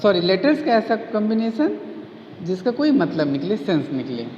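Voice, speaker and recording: A woman teacher explaining grammar slowly and deliberately, switching between Hindi and English and repeating words syllable by syllable. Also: medium pitch, very animated, warm tone. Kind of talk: grammar lesson. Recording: roomy, echoey, dull lo-fi sound with faint hiss.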